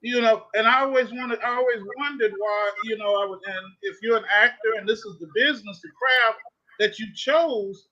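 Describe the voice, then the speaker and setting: High bright-voiced male host, dull audio. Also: normal speed. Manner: long, winding questions with laughs. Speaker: talk show host. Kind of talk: interview questions. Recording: dull lo-fi sound.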